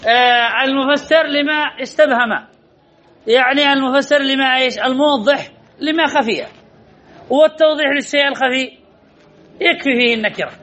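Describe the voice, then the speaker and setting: A man's voice: very high-pitched, normal speed, pauses often, bright, forceful tone. A man teaching a grammar lesson, asking his students questions and answering them himself, repeating the key points. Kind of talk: classroom lesson. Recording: dull lo-fi recording.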